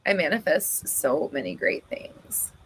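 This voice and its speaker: A woman hosts a casual live chat Q&A, answering viewers' comments after reading them aloud. She is animated yet unhurried, blunt and chatty, swearing freely and frequently gasping and laughing high. The audio is poor, with a little hiss or hum.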